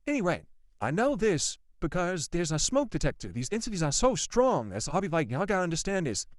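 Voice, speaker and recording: Animated man telling a spooky story. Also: high-pitched, normal speed, no echo, clean studio sound. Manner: animated, repeats himself, swears, addresses viewers directly. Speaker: vlogger. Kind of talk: casual storytelling to camera.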